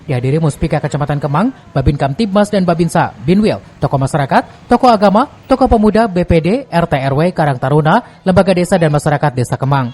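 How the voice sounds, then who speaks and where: Fast-talking male news reporter. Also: a little high, expressive, darkish tone. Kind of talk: scripted news report narration.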